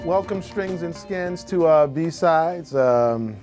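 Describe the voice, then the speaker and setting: A man hosting a casual music interview, talking haltingly with many restarts. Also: on the high side, animated, darkish tone, lo-fi sound. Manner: hesitant, halting, with frequent fillers and restarts. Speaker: radio show host.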